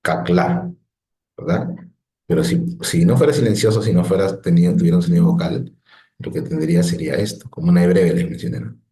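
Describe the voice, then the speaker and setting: Low, mellow-voiced male teacher. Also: fast, echoey room. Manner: patient, explanatory, frequent "¿no?" checks and restarts. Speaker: Biblical Hebrew teacher. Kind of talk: online lesson explaining on a screen.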